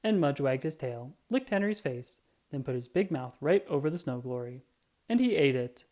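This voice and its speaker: In a mid-range voice, this storybook reader narrates a children's tale with expressive, deliberate delivery.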